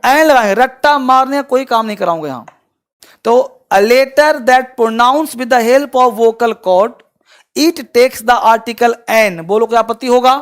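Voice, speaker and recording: A man's voice: extremely high pitch, takes it slowly, smooth. A man teaching an online English class in Hindi, asking his students questions and answering them himself. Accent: Bhojpuri-region Hindi.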